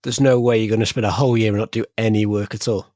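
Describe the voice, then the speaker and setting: A man's voice: lowish voice, fairly even intonation, rapid-fire, a little mellow, dry recording, studio quality. A man hosting a podcast interview, chatty and joking, telling anecdotes. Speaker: podcast host. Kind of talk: casual interview chat.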